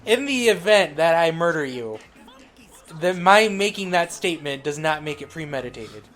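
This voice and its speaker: A man's voice: a little high, lively intonation, normal speed, a bit bright. A man co-hosting a casual gaming podcast, talking in a dry, teasing way. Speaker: co-host.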